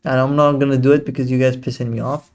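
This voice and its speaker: This young trading streamer talks fast in a flat, medium-pitched voice that's a little mellow. He keeps up loose, slang-heavy commentary to his chat and teases viewers as he goes.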